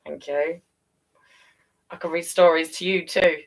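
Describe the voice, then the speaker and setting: Hosting a live storytelling stream, a British woman chats affectionately with her viewers and encourages them, calling them darling and guys. Her voice is deep and steady, her pace unhurried, and the mic is distant.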